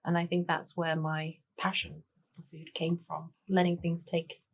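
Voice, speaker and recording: A lowish, level voice with a breathy edge, moving a little slowly, belongs to a woman in her forties chatting as a guest chef. The cookbook author, born in Denmark and raised in Tanzania, keeps the relaxed interview chatty with plenty of "sort of" and "you know."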